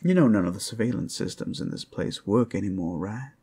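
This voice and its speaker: This ASMR roleplay features a man as a teasing, flirtatious, friendly werewolf addressing a single listener in intimate character acting. His voice is lowish, mellow, animated and brisk, and his manner smooth-talking.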